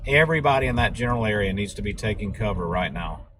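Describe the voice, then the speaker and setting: Male storm chaser over loud vehicle noise. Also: lowish voice, lively intonation, fast. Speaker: storm chaser giving live warnings. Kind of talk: live storm-chasing commentary. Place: inside a moving vehicle. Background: loud car noise.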